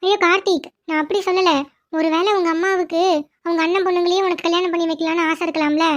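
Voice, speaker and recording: Young cartoon girlfriend, jealous, worried, coaxing, very high, quick. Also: little pitch movement. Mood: fretful.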